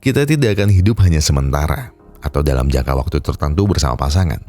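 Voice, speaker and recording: A man narrating a film recap and chatting to viewers, his voice nasal and congested from a cold, folksy and gently advising. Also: a bass voice, animated, fast, faint music behind. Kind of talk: scripted film recap narration and casual outro.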